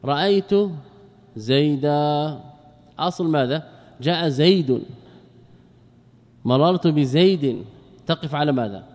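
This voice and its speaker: A man's voice: medium pitch, dark tone. A male grammar teacher giving a classroom lecture, explaining a text line by line, repeating words and asking and answering his own questions. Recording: long reverb, hall echo.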